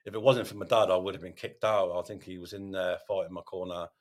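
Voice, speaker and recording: Deep-voiced man, halting and candid. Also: fairly even intonation. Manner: halting, self-correcting, frequent ums and repeated words. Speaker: podcast host, sharing his recovery story. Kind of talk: candid interview conversation.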